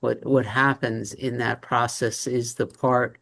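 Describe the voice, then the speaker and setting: A woman's voice: rumbling low, level tone, takes it slowly, gravelly, fairly bright tone. A woman taking part in a spiritual discussion group over a video call, earnest and thoughtful, searching for her words. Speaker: group participant.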